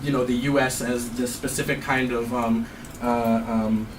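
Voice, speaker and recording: Male academic, mid pitch, reflective Q&A answers, distant room mic. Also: little pitch movement, normal speed. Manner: thoughtful, frequent fillers and restarts. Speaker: anthropology professor giving a talk. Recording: distant mic, faint noise.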